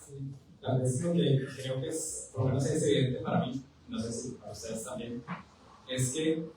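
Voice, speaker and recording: A man speaking as a panelist in a deliberate, measured way. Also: mid-range voice. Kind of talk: panel discussion remarks. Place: historic house, event room. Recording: echoey room from far off, background noise.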